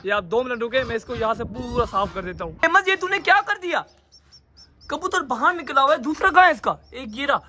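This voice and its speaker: High bright-voiced young man vlogging. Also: expressive, a little fast, slight background noise. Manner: coaxing, scolding, running commentary while handling birds. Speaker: pet vlogger. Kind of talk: casual vlog chat.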